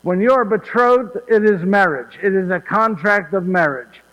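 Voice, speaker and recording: Here a man's high-pitched, fairly bright voice runs at normal speed as he embodies Joseph of Nazareth, an old, warm, chatty storyteller speaking fondly. It's a folksy one-man stage monologue full of laughter and repeated "yes?" questions, with hall reverb in the recording.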